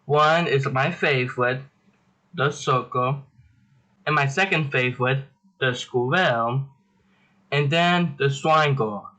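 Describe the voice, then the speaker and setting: A man's voice: medium pitch, slow pace, pauses often, pushed and bright, low-quality recording. A young man hosting a casual drawing tutorial, chatty and self-deprecating as he rambles through his steps.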